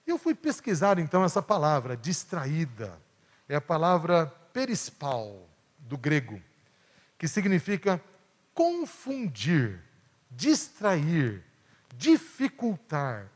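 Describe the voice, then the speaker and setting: High, animated male preacher. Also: takes it slowly. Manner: animated, swinging between emphatic and hushed. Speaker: pastor. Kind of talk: sermon. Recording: long church hall reverb.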